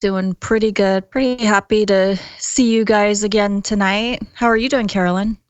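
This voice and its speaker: A woman's voice: medium pitch, fairly even intonation, normal speed, clean tone, no echo. Woman co-hosting, dry close sound. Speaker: podcast co-host. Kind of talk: casual chat.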